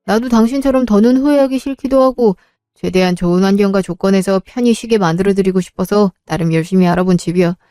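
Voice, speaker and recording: Woman as earnest kind husband, warm low-key delivery, audio drama. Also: quick pace, smooth, no room sound, clean studio sound, lightly acted. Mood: tender. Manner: soft, reassuring, earnest. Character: devoted young husband, gentle and apologetic. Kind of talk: Korean audio drama acting.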